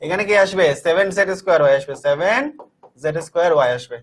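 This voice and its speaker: A man's voice: on the high side, quick pace, a little hiss or hum. A man teaching an online physics class, repeating each definition and checking whether students follow. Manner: talks to students directly and warmly checks understanding.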